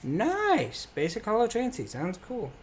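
A young man on a live stream, calling out each card as he flips through packs and asking his viewers what to open next. His voice sits a little high and swings up and down a lot, and he talks at an unhurried pace. Faint room noise sits under the voice. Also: very animated. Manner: lists cards aloud, chatting with viewers. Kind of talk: casual live-stream commentary.

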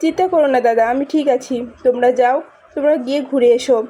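A woman's voice: high-pitched, brisk, mellow. A woman voicing a wounded, stubborn young wife in a spoken drama recap. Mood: hurt. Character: hurt, proud young wife.

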